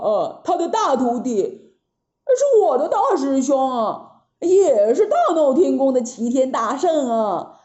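A scheming, anxious pig disciple, as a woman storyteller puts him on, coaxing and pleading in a slow, lilting tone. He sounds like a figure from a children's storybook. The recording is roomy and lo-fi. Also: sits high, warm tone.

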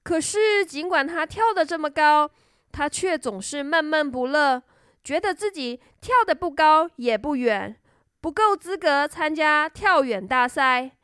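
A woman storyteller reading a children's story in a gentle, expressive way. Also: high voice, a little slow, no room sound, clean studio sound.

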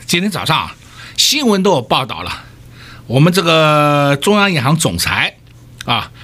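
A man hosts a radio stock market show as an analyst, speaking emphatically and firing rhetorical questions at listeners. His voice is on the high side, pushed and bright, with a husky quality.

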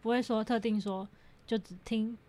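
A young woman chats casually as a podcast guest. She sounds giggly and teasing, and her voice sits on the higher side. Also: fairly even intonation, moderate pace, mellow. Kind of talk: casual chat.

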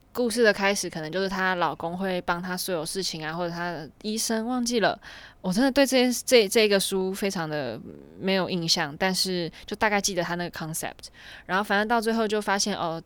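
A woman's voice: fairly low pitch, a bit bright, no echo. Young woman vlogger, loose rambling storytelling, dry close sound. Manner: rambling, chains clauses with "and then". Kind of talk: casual storytelling.

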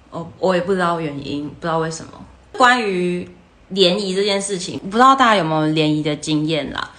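A young woman with a Taiwanese Mandarin accent hosts a livestream, telling a story casually. Her voice sits a little low. She tells it in a lively way and jumps into the other people's voices as she quotes them. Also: normal speed. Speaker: livestream host.

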